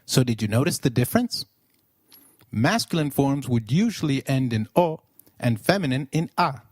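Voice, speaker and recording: A man narrating a scripted beginner language lesson in an upbeat teaching manner, slowing down to model words. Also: mid-range voice, big pitch swings, a little mellow, breathy edge, dry recording, clean studio sound.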